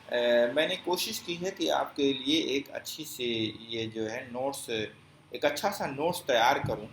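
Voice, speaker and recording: Male teacher, mid-pitched, patient exam-prep lesson, asks and answers his own questions, echoey room. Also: a bit bright, slight background noise. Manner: explains step by step, asks questions and answers them; repeats key phrases slowly.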